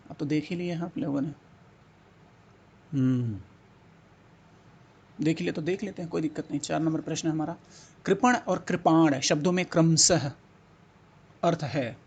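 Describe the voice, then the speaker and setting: A man's voice: on the high side, normal speed, long pauses, slightly rough. A man teaching a Hindi exam-prep lesson, repeating words and coaxing students to think and answer. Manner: repetitive, coaxing questions to students.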